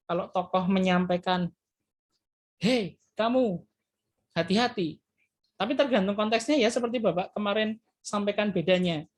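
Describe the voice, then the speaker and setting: A man's voice: high-pitched, a little fast. A male teacher reviewing for an exam, explaining loosely and hesitantly with frequent filler tags and addressing his students as children. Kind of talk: classroom exam review lesson.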